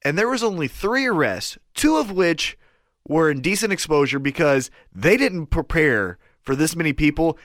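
A man from Kansas City co-hosting a casual podcast in a hoarse voice that is nearly gone, talking emphatically, repeating himself and swearing freely. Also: on the high side, big pitch swings, normal speed, a bit bright, no room sound. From Kansas City, United States. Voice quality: hoarse, strained voice close to giving out. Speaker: podcast co-host.

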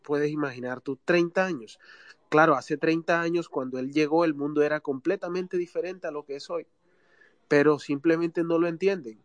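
Colombian caribbean guy in his 30s, bit high voice, dry sound, lots of "eh". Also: normal speed, dry recording. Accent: Colombian Caribbean coast. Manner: hesitant, many fillers. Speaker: caller. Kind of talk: live audio space call-in.

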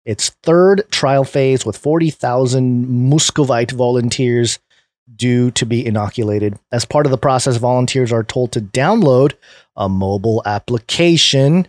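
A man's voice: medium pitch, measured pace, no echo, studio quality. A man co-hosting a casual podcast, reading news items aloud and laughing often. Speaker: podcast co-host. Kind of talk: casual political chat.

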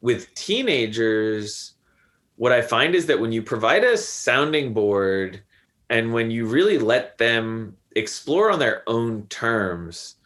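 Slow but very animated, a man in his thirties with a mid-range, fairly bright voice talks as a guest on a podcast. It's a casual, reflective chat that rambles and is heavy with fillers.

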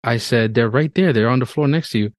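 A man's voice: medium pitch, quick pace, dry recording. A man in his thirties chatting casually and laughing often, swearing freely as he talks about his kids. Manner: laid-back, profane, laughs often. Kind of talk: casual chat.

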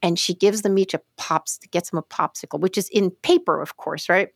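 A woman's voice: on the low side, a little fast, creaky, breathy edge, dry recording, clean studio sound. A woman co-hosting a podcast, chatting casually and telling stories, acting out the voices of people she quotes. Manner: animated storyteller, acts out quoted speech. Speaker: podcast co-host. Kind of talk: casual conversation.

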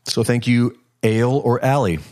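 A man hosting a casual solo podcast, reading out listener comments in a rambling, relaxed way with many ums and restarts. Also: mid-range voice, moderate pace. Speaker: podcast host.

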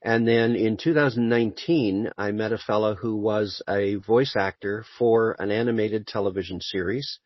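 A man being interviewed as a voice actor, talking in a relaxed, conversational way with dry humor. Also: lowish voice, normal speed, hardly any pauses, no room sound. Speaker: voice actor guest. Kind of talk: casual interview chat. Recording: muffled lo-fi audio.

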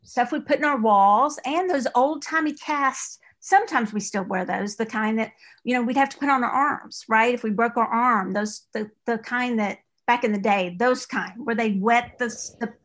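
A woman's voice: fairly high pitch, normal speed, a bit bright. A woman with an East Texas accent, chatting as a podcast guest in a rambling way, with frequent restarts. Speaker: podcast guest, author and crystal store owner. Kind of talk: casual interview chat.

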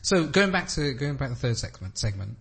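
A man's voice: medium pitch, very animated, fairly quick, gravelly, a bit bright, breathy edge. A man co-hosting a podcast in casual chat, teasing his partner and pushing the talk along. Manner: teasing and pushy, drives the conversation. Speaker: podcast co-host.

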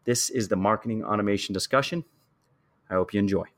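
A man with a fairly low voice hosts a podcast, delivering a polished, scripted-sounding introduction. He then poses questions to his guest in the same smooth, practiced way. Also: quick pace, background noise. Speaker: podcast host.

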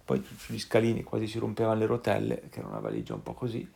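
A man telling his child a story from his own life, acting out sounds and voices with lively energy. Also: fairly low pitch, racing, creaky, husky. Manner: animated, acts out voices and sounds.

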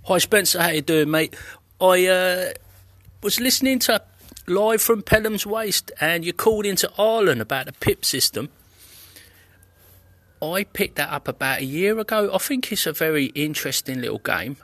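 A man's voice: high voice, animated, moderate pace, fairly bright tone, dry recording. A man, a fellow podcaster, leaving a chatty, easygoing voice message. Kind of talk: recorded voice message.

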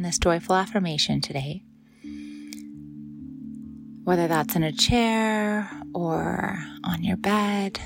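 A middle-aged woman gently leading a guided meditation in a soft, soothing voice that often drops into a breathy near-whisper. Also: on the low side. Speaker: meditation guide and yoga teacher.

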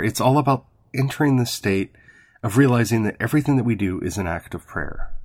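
Brief: man, lowish voice, calm devotional speaker, unhurried phrasing, dry close sound. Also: dry recording. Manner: gentle and measured, with frequent pauses between phrases. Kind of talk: reflective devotional talk.

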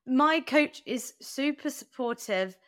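Bright-voiced chatty young woman. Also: high voice, animated, takes it slowly, no room sound, clean studio sound. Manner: chatty, lots of "like" and "um", laughs easily. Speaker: guest runner. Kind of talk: casual podcast interview.

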